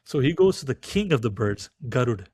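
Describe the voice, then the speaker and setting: A man's voice: mid-range voice, fairly quick, breathy edge, dry recording, clean studio sound. A man speaking as a podcast guest, explaining spiritual teachings and telling a parable, acting out the voices in his story. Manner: animated storyteller, acts out quoted voices.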